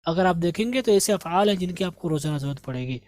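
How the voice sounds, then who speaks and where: Woman slowly modeling words. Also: fairly low pitch, animated, darkish tone, no room sound. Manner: repeats each word slowly to model pronunciation. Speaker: English teacher. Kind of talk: spoken language lesson.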